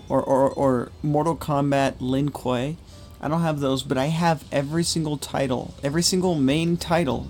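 A man's voice: on the high side, darkish tone. A man hosting a gaming video with casual, rambling, conversational commentary. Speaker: gaming channel host.

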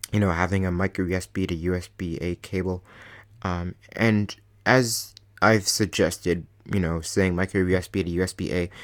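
On his own channel, a young man rambles casually through a microphone review, dropping many fillers and self-deprecating asides. His voice sits low, recorded on a desk USB microphone.

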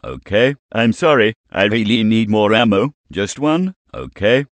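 A man's voice: on the low side, animated, unhurried, no echo. A man playing an eager, blunt survivor fighter in an audio drama, talking casually. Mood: pleading. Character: eager male survivor fighter hungry for ammo.

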